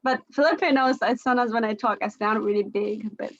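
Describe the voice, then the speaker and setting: A Chinese woman moderates a casual panel discussion over video call in English, her second language. She sounds hesitant, restarting often, using lots of fillers and laughing frequently. Her voice is a little high and brisk, and the audio has its highs cut off.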